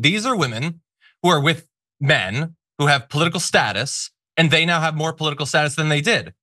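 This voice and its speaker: A man's voice: fairly high pitch, bright, forceful tone, dry recording, clean studio sound. A man hosting a political talk show, delivering opinionated commentary in an indignant, sarcastic and emphatic way.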